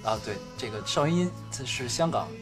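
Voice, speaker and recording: A man's voice: medium pitch, expressive, brisk. A young man, co-hosting a podcast in casual chat about films. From mainland China. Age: young adult. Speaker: podcast co-host. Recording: guitar music behind the talk. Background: guitar music.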